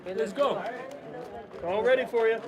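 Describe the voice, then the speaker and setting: A soldier outdoors, speaking in slow, simple words to listeners who do not share his language. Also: very high voice, recorded from a distance, crowd noise, poor audio. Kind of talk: field talk.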